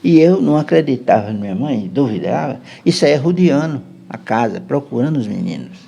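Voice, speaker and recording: Gravelly Brazilian man telling a story. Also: mid-range voice, animated, warm tone, muffled recording. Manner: unhurried, tags lines with "né". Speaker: podcast guest. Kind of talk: casual storytelling chat.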